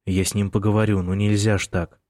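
A man reading the part of a desperate young male prisoner in an audiobook, speaking in hushed, urgent pleas. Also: fairly low pitch, level tone, fairly quick, dry recording, studio quality, lightly acted. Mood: pleading.

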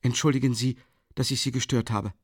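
A man voicing a withdrawn young man in an audiobook, subdued and halting, with hesitations. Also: medium pitch, steady tone, breathy edge, dry recording, clean studio sound, natural voice. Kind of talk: audiobook character reading.

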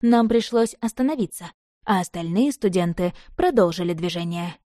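Woman, audiobook narrator, mellow and warm, dry close recording. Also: fairly low pitch, normal speed, dry recording. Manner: expressive first-person storytelling.

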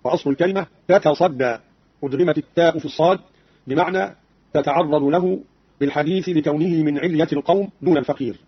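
A man with a slightly husky, raised voice explains recitation variants in formal, deliberate classical speech. The sound is dry and dull, like a close-miked old radio archive tape. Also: on the high side, no echo. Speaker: radio presenter explaining readings.

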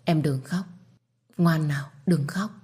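A woman plays a young master of the house in a spoken story. He speaks firmly, in a low, controlled voice. His scolding stays measured and severe. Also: dark tone, breathy edge, full character voice. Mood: gentle. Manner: firm and scolding.

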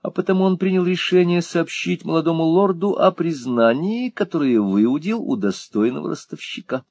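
A man narrating a classic novel as an audiobook in an expressive, theatrical reading. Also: fairly high pitch, normal speed, no room sound.

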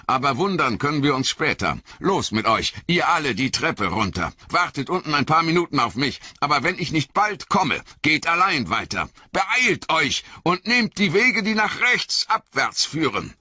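A man's voice: fairly high pitch, sing-song, moderate pace, hardly any pauses, sharp tone, slightly rough, no echo, voice pushed up, exaggerated voice. A man voicing a stern, commanding old male wizard who barks urgent orders. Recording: slightly dull lo-fi audio.

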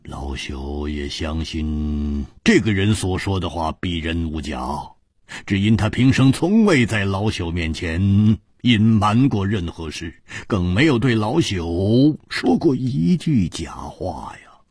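Man voicing polite old swordsman, deep voice, husky, measured speech. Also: big pitch swings, darkish tone, no echo, clean studio sound, exaggerated voice. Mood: courteous. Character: courteous evasive old man, elder swordsman. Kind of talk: storybook narration.

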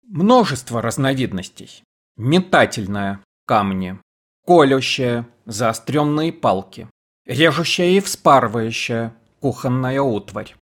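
A man reading an audiobook voices a weary, evasive priest who gives curt, reluctant answers in a low, subdued voice. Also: expressive, slow pace. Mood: listing. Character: weary naked male priest, terse and evasive.

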